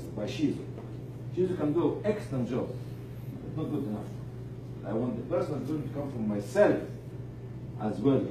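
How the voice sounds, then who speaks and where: A medium-pitched, animated man speaks to charity staff and a live audience in an informal faith-centered motivational talk. His style is emphatic, full of pauses and rhetorical questions; the echoey room, distant microphone, and clear noise shape the sound.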